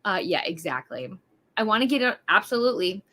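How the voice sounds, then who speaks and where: A woman's voice: mid-range voice, big pitch swings, fairly quick, pushed and bright. A woman from Wisconsin hosting a casual livestream, chatty and bubbly, over-caffeinated and hyper, rambling with lots of fillers. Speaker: livestream host.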